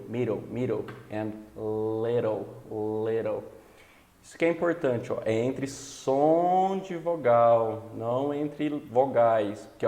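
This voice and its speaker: A man teaching English pronunciation, slowly demonstrating and repeating sounds and words. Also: medium pitch, darkish tone. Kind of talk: classroom-style lesson. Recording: roomy with long reverb.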